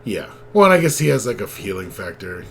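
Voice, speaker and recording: A man co-hosting a casual comic book discussion, relaxed, with frequent fillers and laughs. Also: on the low side, a little fast, gravelly, slight background noise. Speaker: comic book podcast co-host. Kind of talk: casual chat.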